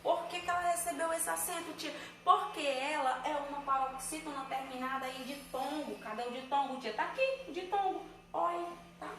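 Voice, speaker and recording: A woman's voice: high-pitched, moderate pace, hardly any pauses, fairly bright tone. A woman teacher with a Brazilian Portuguese accent, explaining a review lesson step by step and answering her own questions. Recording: echoey room, faint ambient noise.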